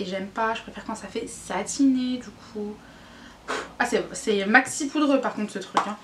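A woman beauty vlogger giving a casual, candid makeup review, chatty and full of fillers and groaning exclamations. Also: a little high. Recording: echoey room, faint noise.

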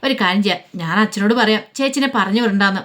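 A woman voicing an outspoken teenage girl, a lively younger sister who talks in a protesting way. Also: medium pitch, quick pace, close to an everyday voice.

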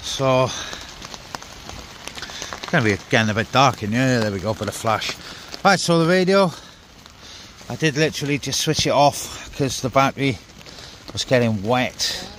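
An outdoor CB radio vlogger talks casually to his viewers while handling gear at a wet forest camp, muttering asides as he goes. His mid-range voice is animated and fairly bright, at a moderate pace. The outdoor camera picks up clear background noise.

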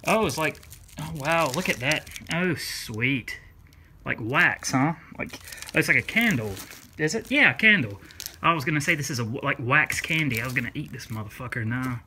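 A man casually chatting as he unboxes a gift at home, rambling and swearing freely, often breaking into excitement. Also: mid-range voice, moderate pace, slight background noise. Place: home room.

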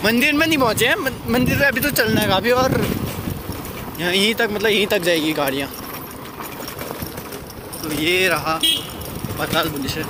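A man's voice: sits high, moderate pace, pauses often, heavy background noise. A young man narrating a casual travel vlog while walking outdoors, talking into a handheld phone camera. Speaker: travel vlogger. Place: outdoors at a hill temple.

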